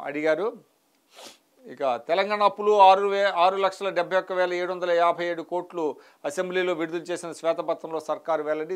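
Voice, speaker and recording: A man's voice: fairly high pitch, smooth. Man reading newspaper headlines. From Telugu states of India. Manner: reads headlines then adds brief remarks, occasional restarts. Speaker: news analyst reading headlines.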